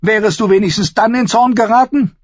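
Cersei, a proud queen as a man voices her in a high voice. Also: moderate pace, vocal fry, darkish tone, slightly rough, dry recording. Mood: scornful. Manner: pleading, then scornful and biting. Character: desperate proud queen, woman, adult. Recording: dull lo-fi, dry.

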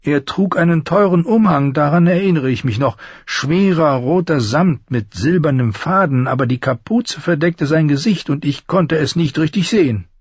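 A man's voice: on the high side, expressive, moderate pace, few pauses, breathy edge, dry recording, highs cut off, pitched above the performer's own voice. A man voicing a stubborn middle-aged male master armorer in an audiobook, defensive and insistent.

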